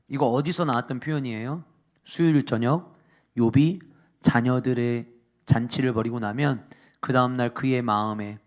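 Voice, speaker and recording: A man preaching a sermon as pastor. He rises to loud, emphatic peaks and drops to hushed asides. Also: medium pitch.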